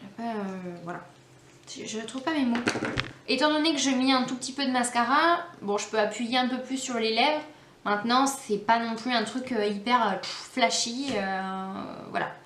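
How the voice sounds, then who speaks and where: A woman's voice: on the high side, moderate pace, fairly bright tone, slight background noise. A woman giving a casual makeup tutorial, chatty and hesitant, with many fillers. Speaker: beauty vlogger. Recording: echoey room, faint background music.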